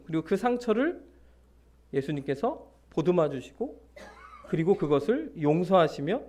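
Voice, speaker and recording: A male pastor giving a Sunday sermon in a lively storytelling way, with humorous asides and acted-out quotes. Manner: acts out scenes and quotes with big pitch swings.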